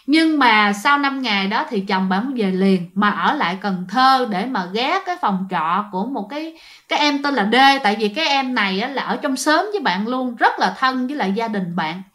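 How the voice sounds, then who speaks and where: High-voiced woman storyteller. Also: animated, normal speed, a bit bright. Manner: chatty, addresses listeners directly. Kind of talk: ghost story narration.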